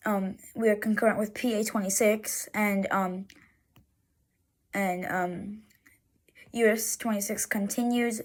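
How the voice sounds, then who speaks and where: A woman casually narrating over road photos, rambling with many restarts and fillers and breaking into exasperated outbursts. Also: mid-range voice. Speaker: road enthusiast vlogger.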